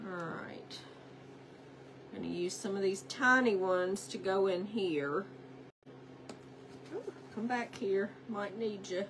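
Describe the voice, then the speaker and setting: Stuffed up with a cold, this craft livestream host speaks at a medium pitch, slowly and with long pauses. Her casual chat to viewers mixes greetings by name with talking to herself as she works, and the background is noisy.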